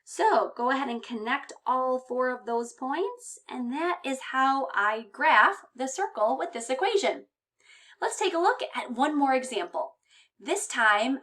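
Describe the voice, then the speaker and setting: A woman's voice: high-pitched, lively intonation, moderate pace, a bit bright. A woman teaching a math lesson in a slightly raised voice. She walks through each step patiently and plainly, with frequent reminders for her students. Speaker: high school math teacher.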